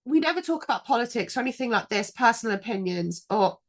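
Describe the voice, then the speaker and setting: Animated, swearing woman podcast host. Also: on the high side, fast. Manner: animated, indignant, swears freely. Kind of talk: casual chat.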